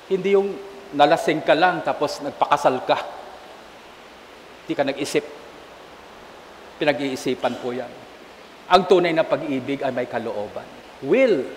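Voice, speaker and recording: Filipino man, bishop's sermon, high voice, long church echo, faint hiss. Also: a little slow, long pauses. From Philippines. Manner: animated storytelling, asks the congregation "Amen?". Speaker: bishop preaching a homily. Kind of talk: sermon mixing Tagalog and English. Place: large church.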